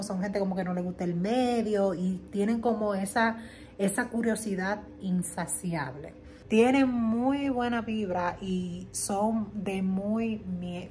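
A woman's voice: medium pitch, a little hiss or hum. A woman travel vlogger telling a story casually to the camera, emphatic and repeating words for effect, laughing often.

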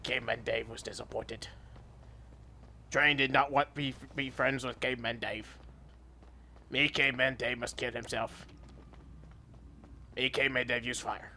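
A man voicing a dim-witted, excitable caveman who talks about himself in the third person while commenting on gameplay. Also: mid-range voice, measured pace, gravelly, long pauses, full character voice. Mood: goofy. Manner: broken caveman grammar, third person, sudden yelps. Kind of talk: playful game commentary in character.

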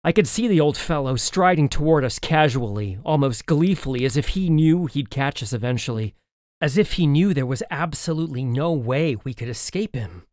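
A man's voice: fairly high pitch, animated, normal speed, darkish tone, no echo, clean studio sound. A man reading a children's novel aloud as an audiobook in the first person, telling the story expressively. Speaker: audiobook narrator.

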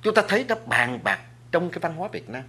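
Animated male guest lecturing earnestly. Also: sits high, quick pace, vocal fry, slightly rough. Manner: earnest, lecturing, addresses the audience; many restarts and filler words. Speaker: guest speaker on food and culture. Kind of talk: studio talk show discussion.

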